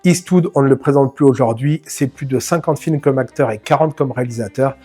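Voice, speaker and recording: A man hosting a film analysis video, talking casually and speaking straight to the viewer with lively slang. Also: medium pitch, fairly quick, breathy edge, soft background music. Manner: familiar, addresses the viewer directly, lively slang. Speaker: film channel host.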